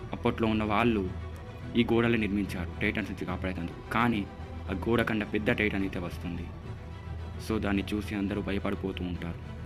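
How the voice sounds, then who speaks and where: A man telling an anime episode's story in a chatty way, acting out the characters' lines as he goes. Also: lowish voice. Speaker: YouTube channel host. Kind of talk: casual anime episode recap.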